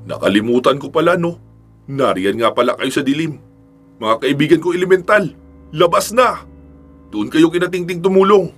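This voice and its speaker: A man's voice: fairly high pitch, soft background music, voice pushed up, lightly acted. A man putting on a brash young fighter's voice. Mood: calling out. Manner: loud, quick and teasing. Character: brash young male fighter, cocky and teasing.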